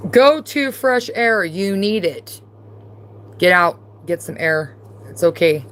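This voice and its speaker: A woman's voice: on the low side, animated, takes it slowly, fairly bright tone, a little hiss or hum. A woman doing a live-streamed tarot reading, talking casually and bluntly to the viewer and often repeating herself. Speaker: tarot reader.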